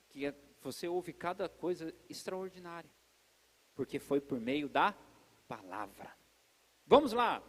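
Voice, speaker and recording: High-voiced chatty pastor in a reverberant hall. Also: male voice. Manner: lively and chatty, addresses the congregation directly. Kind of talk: conversational sermon. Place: church service.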